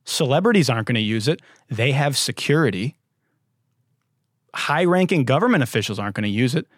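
A man hosts a comedy podcast in a sarcastic, profane rant, breaking into laughter often. His pitch swings widely as he jokes. The sound is dry and close. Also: no room sound. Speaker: podcast host. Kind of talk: comedic talk monologue.

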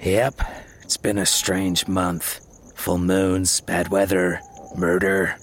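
An actor playing a calm man watching the sky, speaking very slowly and unhurriedly. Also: low-pitched, a little hiss or hum. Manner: slow, unhurried. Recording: music bed under voice.

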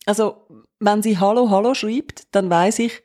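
A woman's voice: medium pitch, normal speed, a little mellow. A young woman with a Swiss German accent, co-hosting a podcast in casual chat and playfully acting out quoted voices. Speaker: podcast co-host.

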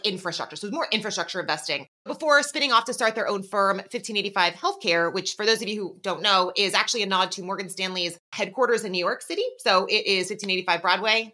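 A woman's voice: mid-range voice, sharp tone. A woman in her thirties co-hosting a podcast, chatting casually with lots of fillers. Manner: chatty, many fillers like "like" and "yeah". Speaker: podcast co-host. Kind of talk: casual chat.

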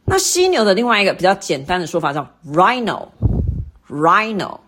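A middle-aged woman hosting a lesson, explaining English word stress to listeners patiently and repeating each example word slowly. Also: on the low side, wildly swooping pitch, slight background noise. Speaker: English teacher and podcast host.

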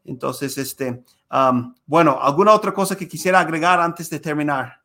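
A man whose first language is Spanish hosts an interview podcast in a conversational style, full of hesitations and fillers. His voice is on the high side and sharp-toned, at a moderate pace.

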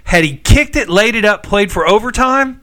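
Older ex-coach guy on a sports show, high bright voice, piles on "and" when he tells a story. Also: animated, normal speed. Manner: emphatic, storytelling, stacks clauses with "and". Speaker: co-host, former football coach. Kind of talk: casual sports talk.

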